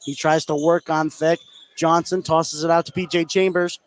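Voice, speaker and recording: This play-by-play announcer is a man doing live radio basketball coverage, describing the action in loose, conversational fragments. He speaks at normal speed in a fairly high, flat voice, with clear ambient noise behind him.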